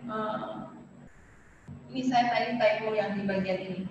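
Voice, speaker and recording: A woman teaching a French class online who explains patiently and slows down to model the example sentences. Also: mid-range voice, fairly even intonation. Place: home room on a video call. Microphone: laptop mic on video call. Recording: echoey, dull video-call audio with faint noise.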